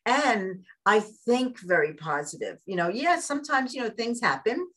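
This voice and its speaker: A woman's voice: a little high, sing-song, normal speed, fairly bright tone. A woman in her seventies, hosting a show and speaking earnestly about her own life in a casual chat. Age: 70s. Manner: earnest, reflective, laughs easily.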